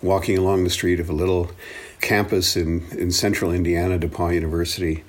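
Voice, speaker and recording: Speaking a little fast in a deep voice with little pitch movement, a man in his seventies from the Belgian Congo tells reflective personal stories as an interview guest. An African studies professor and native speaker of English and Swahili, he comes across as earnest and thoughtful.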